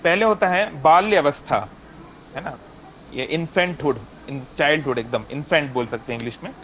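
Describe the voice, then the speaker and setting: The speaker, a man with a slightly high, somewhat bright voice at normal speed, teaches a devotional class online from his phone. He explains patiently, checks on listeners with frequent "है ना?", and mixes in English phrases. The audio is poor, with slight background noise.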